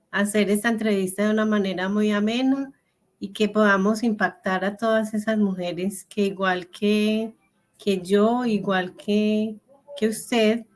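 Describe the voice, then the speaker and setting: An older woman from Colombia with a Paisa accent, a guest in a podcast interview, talking in an earnest, proud way. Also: mid-range voice. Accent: Colombian Paisa (Antioquia).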